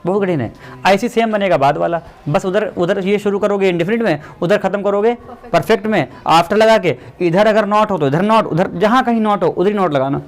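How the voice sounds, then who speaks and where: A man's voice: high-pitched, moderate pace. A male teacher giving a classroom grammar lesson, explaining step by step and quizzing the class.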